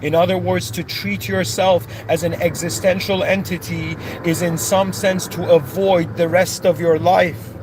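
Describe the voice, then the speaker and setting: A man's voice: sits high, little pitch movement, a little slow, hardly any pauses, background noise. A man born in Iran and raised in Canada, giving an impassioned, searching spiritual monologue with many restarts and rising outbursts. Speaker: spiritual speaker.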